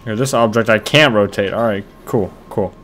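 A man's voice: fairly low pitch, moderate pace, soft background music. Jumpy young man doing let's-play commentary. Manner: excitable and jumpy, slangy. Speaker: gamer. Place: at home.

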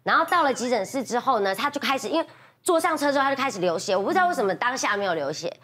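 A middle-aged woman on a TV studio panel, telling a story in casual chat. She is animated, acts out the voices she quotes, and laughs often. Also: on the high side, very fast, a little hiss or hum.

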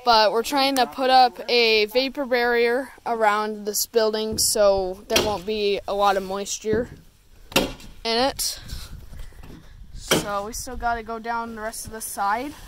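A woman's voice: fairly high pitch, a little slow, noisy background. A woman narrating a casual farm vlog outdoors, explaining her projects as she works, recorded on a handheld phone. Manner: relaxed, explains while working. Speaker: vlogger.

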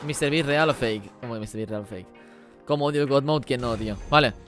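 A man streaming a game live, talking rapidly as he reads and answers the chat. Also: mid-range voice, a bit bright, soft background music. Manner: rapid-fire talk while reading chat. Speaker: gaming streamer.

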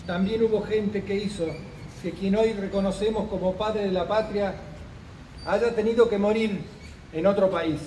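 A middle-aged man reading a formal commemorative speech at a podium outdoors, in a measured, solemn delivery with deliberate pauses. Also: high-pitched, mellow, slight background noise. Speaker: official speaker at a commemoration. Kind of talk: formal speech read from notes. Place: outdoor park gazebo at a ceremony. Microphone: podium microphone, recorded from a distance. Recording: roomy, distant open-air sound.

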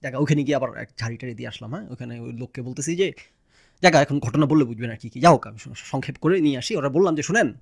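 A man from Bangladesh, hosting a casual monologue and telling personal stories with animated exasperation. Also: mid-range voice, very fast, vocal fry, husky, no room sound, studio quality. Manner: animated, exasperated storytelling that mimics his own retorts. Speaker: host.

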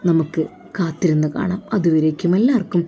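A woman narrating a dramatic story in a measured, emotive way. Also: low-pitched, creaky, mellow, muffled recording.

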